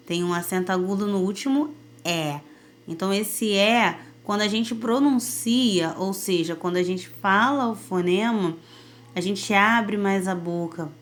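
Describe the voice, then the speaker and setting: A woman teacher, giving a recorded lesson to children. She talks in a lively, patient way and often checks in with them. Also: mid-range voice. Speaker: primary school teacher.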